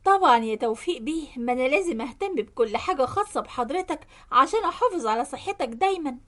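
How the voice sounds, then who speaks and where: List: a woman playing a conniving young Egyptian secretary, high, wheedling, dramatic, storybook. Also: animated, quick pace, a bit bright. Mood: sweet coaxing. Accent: Egyptian Arabic.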